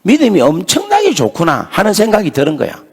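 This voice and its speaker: A man's voice: high-pitched, huge pitch swings, brisk, vocal fry, darkish tone, husky. A male pastor with a Gyeongsang Korean accent preaching at a revival meeting, telling a story with emphatic, acted-out dialogue. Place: church revival meeting hall. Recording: reverberant hall sound.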